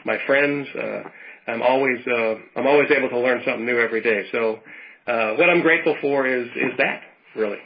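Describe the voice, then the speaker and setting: Man, 50s, from Western Pennsylvania, casual rambling co-host, mid pitch, muffled lo-fi audio. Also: fairly quick. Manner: rambling, warm storytelling with many restarts. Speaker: podcast co-host. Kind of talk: casual chat.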